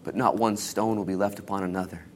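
A man's voice: fairly low pitch, fairly even intonation, fast. American male preacher, casual and exhorting, noisy room. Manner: casual, colloquial, exhorting, with slangy asides and acted-out quotes. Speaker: pastor preaching. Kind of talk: informal evangelical sermon.

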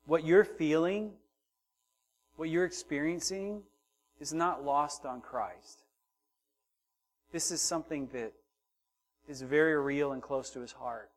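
A man's voice: fairly high pitch, takes it slowly, pauses often. Impassioned male preacher, rising and falling. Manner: builds from hushed to loud and emphatic, acts out voices. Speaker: pastor. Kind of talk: sermon.

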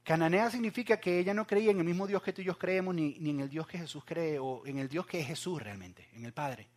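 A young man preaching a sermon, swinging from loud acted cries to hushed asides and talking straight to his listeners. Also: fairly high pitch, brisk. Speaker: pastor.

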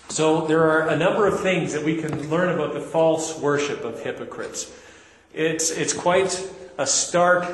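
A man preaching an earnest, conversational sermon, reading scripture aloud and explaining it, in a church sanctuary. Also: fairly high pitch. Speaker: pastor. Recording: echoey hall with long reverb, faint hiss.

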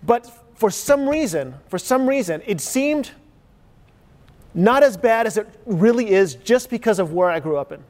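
A man's voice: high-pitched, expressive, a little slow, darkish tone, in a large hall. A man in his forties who grew up in Chile, preaching an earnest, conversational sermon full of rhetorical questions. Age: 40s. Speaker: pastor.

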